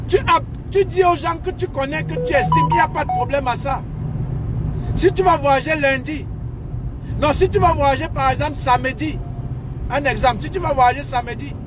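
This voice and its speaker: High-voiced man lecturing over street noise. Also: normal speed. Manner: lecturing, repetitive, emphatic. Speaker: advice vlogger. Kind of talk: casual advice monologue.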